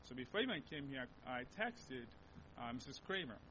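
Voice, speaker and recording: A young Congolese man, a native Lingala speaker with a Congolese accent, preaches as a missionary guest in a church sanctuary, reading scripture earnestly but haltingly, often repeating and correcting himself. His pitch swings widely, and the lo-fi recording sounds dull with a faint rumble.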